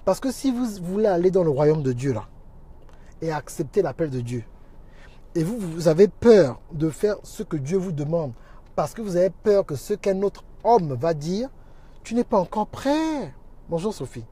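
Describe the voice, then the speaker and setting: A man's voice: on the high side, big pitch swings, normal speed, mellow, breathy edge. A man talking on a casual livestream, preaching emphatically and greeting viewers by name as he goes. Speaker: minister and social media teacher.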